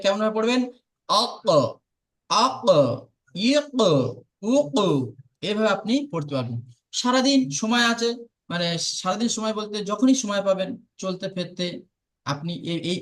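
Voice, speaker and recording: High-voiced man patiently teaching. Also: fairly bright tone. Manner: patient and repetitive, slowly drills sounds aloud. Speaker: Arabic pronunciation teacher. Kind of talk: online lesson.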